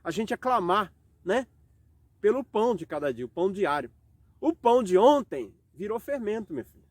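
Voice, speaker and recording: Reading scripture slowly and asking rhetorical questions, a man with a Brazilian Portuguese accent preaches a sermon for home worship. His voice is high-pitched with wide pitch swings, and there's no echo.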